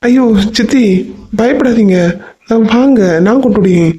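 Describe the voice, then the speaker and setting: Someone voicing a calm, reassuring young man. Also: medium pitch, normal speed, muffled recording, lightly acted. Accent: Kanyakumari Tamil. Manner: reassuring, patient. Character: caring young man soothing his family.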